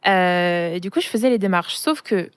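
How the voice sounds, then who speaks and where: A young woman from France telling her story as a guest in a casual, animated interview chat. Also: lowish voice, clean tone, dry recording. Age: young adult. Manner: animated storytelling, quick and chatty.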